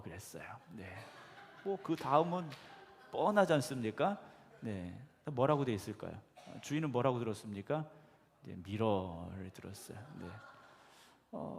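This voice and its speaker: Gravelly-voiced pastor preaching in a reverberant church. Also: male voice, medium pitch, a little mellow. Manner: conversational, asks the congregation questions, frequent affirming "네". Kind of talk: sermon. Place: church sanctuary. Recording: echoey church hall.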